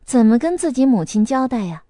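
A woman's voice: on the high side, sing-song, brisk, dark tone, dry recording, studio quality. A woman voicing a wry man who explains himself in a hurry. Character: wry, worried man in a divorce.

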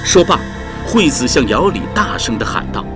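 A man narrating an audiobook in a vivid, expressive way, with music behind. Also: mid-range voice, normal speed. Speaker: storyteller.

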